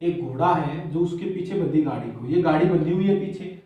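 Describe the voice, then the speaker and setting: A man with a fairly high voice teaches a physics lesson, firing questions at his students and answering them himself. He has a playful streak and counts zeros as sweets. The room is very echoey and the mic sits some way off. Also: lively intonation, normal speed, far from the mic, lo-fi sound. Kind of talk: board lesson for school exams.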